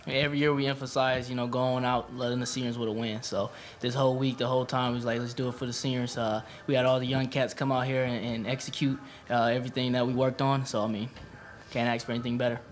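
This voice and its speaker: A young man, a senior college football player, answering questions at a post-game press conference in a relaxed, casual way. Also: mid-range voice, fast talker, slight background noise. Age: young adult. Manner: relaxed, flat delivery with casual slang. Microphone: table mic.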